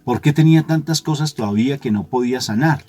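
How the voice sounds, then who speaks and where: A man's voice: mid-range voice, quick pace, no echo, soft background music. Man telling a story animatedly. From Colombia. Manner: animated storyteller, acts out quoted voices. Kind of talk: storytelling religious talk.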